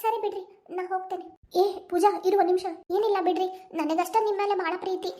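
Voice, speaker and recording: Cartoon young wife, hurt and pleading, very high and quick, North Karnataka accent, voice artist. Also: fairly even intonation, dark tone. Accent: North Karnataka Kannada.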